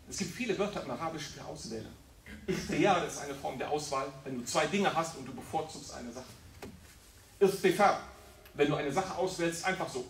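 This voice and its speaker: Male preacher, emphatic sermon delivery, slightly high voice, distant mic with faint background hiss. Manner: emphatic, rhetorical questions, explains Arabic words. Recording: echoey room, voice from afar.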